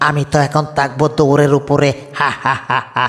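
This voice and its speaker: A man's voice: mid-range voice, flat delivery, a little fast, fairly bright tone, close to an everyday voice. A man voicing a gloating, greedy male lion villain in a homemade cartoon dub, cackling and boastful. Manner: cackling and boastful, wails when hurt. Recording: long reverb, echoey room.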